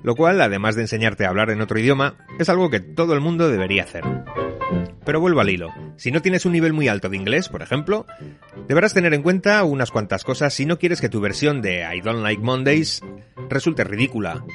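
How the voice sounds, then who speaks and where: A man's voice: medium pitch, very animated, fairly quick, fairly bright tone. A man giving wry, conversational advice as a contributor to a radio music segment.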